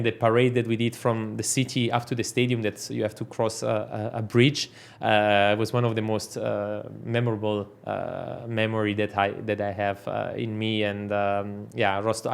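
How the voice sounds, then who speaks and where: A guest entrepreneur from Switzerland, a man whose first language is Italian, talks in a casual interview. His fairly low voice has vocal fry and a flat delivery at a moderate pace, with hardly any pauses, yet he is hesitant, full of fillers and restarts.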